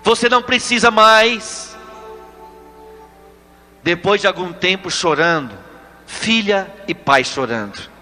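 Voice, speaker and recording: A man with a high, bright voice preaches a sermon at an unhurried pace. He tells his story dramatically and swells into fervent appeals. His voice rings in a long reverb, with faint music underneath. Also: lively intonation.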